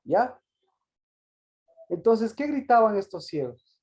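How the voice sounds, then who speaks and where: A man teaches an interactive Bible study over a video call, pausing and repeating words as he asks questions. His voice is high-pitched, very animated, and darkish in tone.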